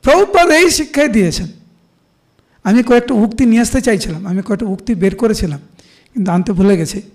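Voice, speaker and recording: A middle-aged man with a Bengali accent giving a devotional scripture class, explaining with everyday examples and slowing down to recite verses. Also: high-pitched, animated, a little mellow. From India. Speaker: preacher.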